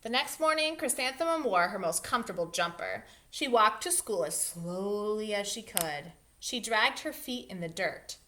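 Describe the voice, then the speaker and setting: A woman reading a children's story aloud in an animated, emphatic way, drawing out words for young listeners. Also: mid-range voice, moderate pace, hardly any pauses. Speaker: children's read-aloud host. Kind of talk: expressive storybook reading with asides.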